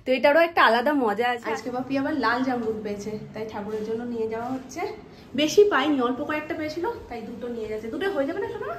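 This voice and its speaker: A young mother talks fast and high through a casual home vlog. She narrates in a chatty way, then slips into a lilting, sing-song baby talk for her little one. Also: animated, a little hiss or hum. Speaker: vlogger and mother. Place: family home.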